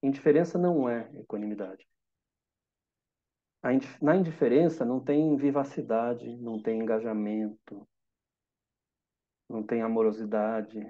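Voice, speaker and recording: A man with a Brazilian Portuguese accent giving a calm, reflective meditation talk, teaching through simple examples and questions to listeners. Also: mid-range voice, moderate pace, long pauses, muffled recording.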